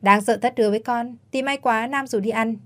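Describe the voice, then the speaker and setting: A woman's voice: a little high, steady tone, fairly quick, fairly bright tone. Confiding woman telling a story. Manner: confiding, speaks to listeners directly. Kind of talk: first-person story narration.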